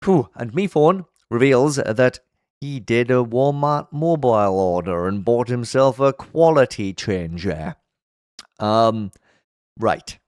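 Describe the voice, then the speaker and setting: A man's voice: mid-range voice, animated, slow, darkish tone, no room sound, clean studio sound. A man giving casual review commentary as a commentator, wry and wordy.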